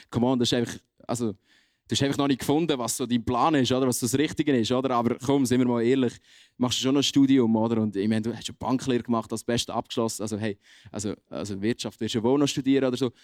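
A dismissive, skeptical man mutters low and offhand, brushing things aside with a faintly condescending shrug in his voice, as a preacher puts him on. His delivery is dry and close, with no room sound around it. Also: fairly even intonation, fast talker, a little mellow, no room sound, close to an everyday voice. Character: dismissive skeptical male acquaintance, mildly condescending.

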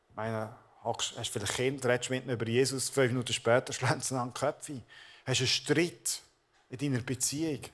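A man, a pastor preaching a sermon, speaking earnestly and addressing the listeners directly. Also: medium pitch.

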